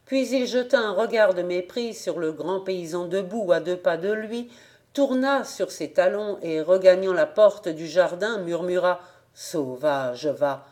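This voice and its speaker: A woman with a French accent reading a classic novel aloud in a measured, even storytelling manner. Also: on the low side. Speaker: audiobook reader. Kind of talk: literary audiobook narration.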